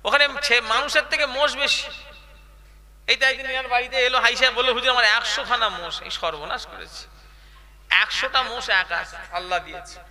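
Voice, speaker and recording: A man's voice: very high-pitched, a little fast, pushed and bright, long reverb tail. A man preaching a waz sermon, chatty and quizzing the crowd with questions.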